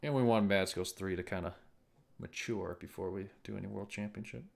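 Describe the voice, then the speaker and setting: A man's voice: fairly low pitch, fairly quick, gravelly. A man, a game developer chatting playfully while streaming himself playing. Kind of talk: casual chat while gaming.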